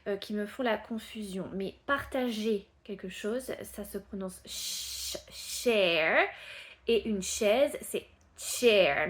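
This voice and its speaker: A woman whose first language is French, teaching English pronunciation. She repeats each word patiently and drops into soft asides when she explains. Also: medium pitch. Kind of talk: pronunciation lesson.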